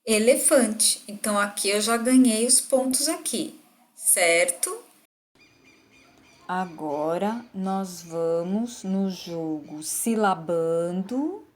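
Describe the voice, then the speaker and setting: Slow patient woman teacher. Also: mid-range voice. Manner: patient, slow, clear word-by-word explaining. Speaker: literacy teacher. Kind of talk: online lesson demonstration.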